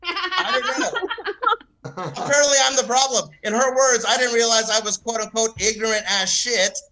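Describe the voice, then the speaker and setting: A man from the American South doing a stand-up set, telling stories fast, laughing and swearing often. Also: very high-pitched, a crowd in the background, low-quality recording. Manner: rapid, laughing, swearing storyteller. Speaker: stand-up comic.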